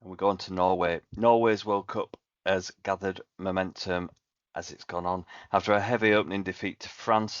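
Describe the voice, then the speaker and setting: A man's voice: low voice, no room sound. A man hosting a podcast, linking segments in an upbeat presenter style. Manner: smooth presenter links, upbeat. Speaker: podcast host. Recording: dry, dull lo-fi podcast audio.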